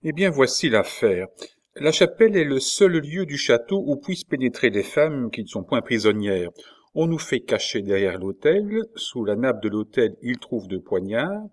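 A man reading aloud, voicing a bold, playful young duchess who explains a plan in a brisk, confiding way. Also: medium pitch, very animated, pitched above the performer's own voice. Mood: scheming.

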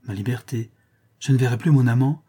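A man's voice: medium pitch, a little fast, mellow, husky, lightly acted. A man voicing an anxious young countess.

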